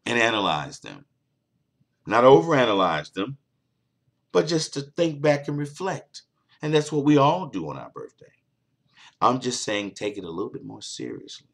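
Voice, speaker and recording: A man's voice: sits low, fairly bright tone. A man hosting a late-night talk show, delivering an earnest motivational monologue that repeats its key points for emphasis.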